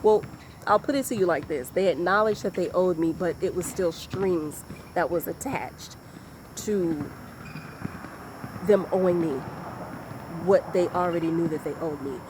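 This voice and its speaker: A woman giving a motivational talk in a deliberate, repetitive, emphatic way. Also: fairly low pitch, background noise. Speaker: motivational speaker.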